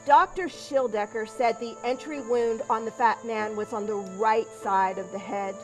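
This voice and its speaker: Woman playing a doctor's wife from 1917, high voice, slow measured testimony, amateur reenactment. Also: natural voice, poor audio. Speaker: witness in a reenactment. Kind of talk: amateur historical reenactment monologue.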